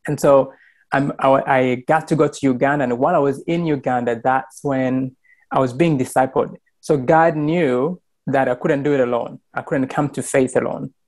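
A man's voice: medium pitch, fairly even intonation, normal speed. A young man from Rwanda sharing his faith story over a video call, earnest and full of fillers and restarts, speaking into a wired earbud mic in a small room. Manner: earnest, many fillers and restarts, gestures while talking. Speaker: church member sharing testimony. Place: small indoor room with plain wall.

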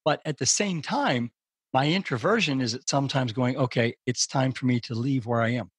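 An older man, a podcast guest, talking through ideas in a relaxed, reflective way. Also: normal speed, slightly rough, no room sound. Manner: reflective, thinks aloud, animated rises in pitch. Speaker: podcast guest, strategic advisor. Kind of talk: casual conversation.

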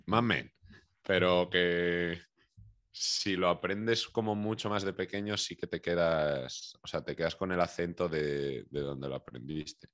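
A young Spanish man with a Spain Spanish accent, co-hosting a podcast in relaxed, slangy casual chat. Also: low voice, a little slow, no room sound, clean studio sound. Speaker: podcast co-host.

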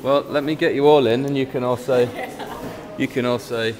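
A man's voice: medium pitch, steady tone, normal speed. A man filming fans after a concert, asking them questions in an upbeat, joking way. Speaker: band member filming fans. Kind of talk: casual chat. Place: large busy concert venue foyer. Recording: loud crowd chatter and noise.

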